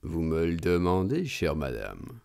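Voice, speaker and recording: A suave, mocking lodger, as a male narrator voices him, who speaks softly and deliberately in a low voice. His delivery is slow and unhurried, and it stays calm and ironic in a storybook reading. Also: heavily acted. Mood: smooth mocking. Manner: deliberately soft, smooth and ironic.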